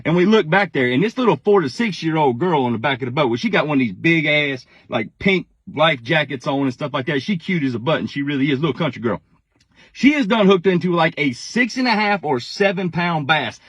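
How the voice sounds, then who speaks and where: Fast-talking man telling a tale. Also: on the high side, husky, no room sound, lo-fi sound. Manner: animated, folksy, swears freely. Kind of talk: casual storytelling to camera.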